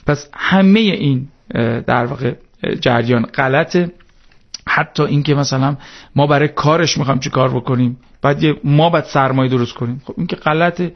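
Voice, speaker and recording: Gravelly man arguing religious points. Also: medium pitch, muffled recording. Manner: preachy, argumentative, hesitant fillers. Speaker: guest speaking on religion. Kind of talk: studio talk-show discussion.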